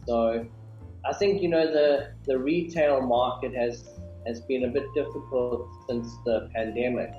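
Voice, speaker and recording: A man with a South African accent talks easily about his work, pausing often on ums and uhs. He sounds like he is in an echoey room, heard through a dull, muffled webcam mic. Faint music sits behind him. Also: medium pitch. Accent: South African English. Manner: relaxed, with frequent ums and uhs. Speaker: guest, business founder. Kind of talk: video call interview. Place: small home office indoors. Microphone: webcam on a video call. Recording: dull, roomy video call audio.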